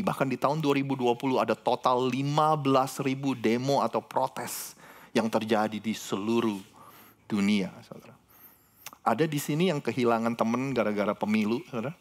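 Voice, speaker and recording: A man in his thirties preaching a sermon, animated and chatty, rising to emphatic peaks and turning to the congregation with asides. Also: mid-range voice. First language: Indonesian. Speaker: pastor.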